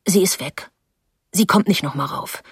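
A woman voicing a moody, stubborn young man who answers curtly in a lowered voice. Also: moderate pace, slightly rough, no echo, clean studio sound. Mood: pleading.

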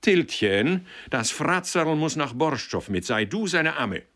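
Guy doing a loud jolly old actor, higher and brighter than his own voice, lots of swing. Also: very animated, slow, exaggerated voice. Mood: hearty, teasing. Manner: loud, jovial, calling out.

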